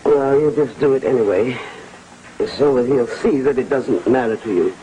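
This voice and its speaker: A man's voice: mid-range voice, normal speed, natural voice. An actor in a 1980s TV soap playing a fatherly man who talks in a soothing, affectionate way. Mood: reassuring. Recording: old TV recording with faint hiss.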